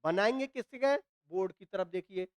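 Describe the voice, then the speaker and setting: A man's voice: high voice, moderate pace, smooth, no echo. A male chemistry teacher with a Hindi accent, lecturing at a board with a dry throat and coughs. He asks his students questions, answers them himself and keeps checking in with them. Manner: repeats points, often says "ठीक है ना". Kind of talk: classroom lecture at a whiteboard.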